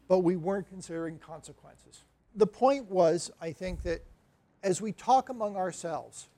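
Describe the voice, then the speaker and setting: A man, an academic librarian giving a conference talk, animated and wry with light jokes. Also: high voice. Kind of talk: conference presentation.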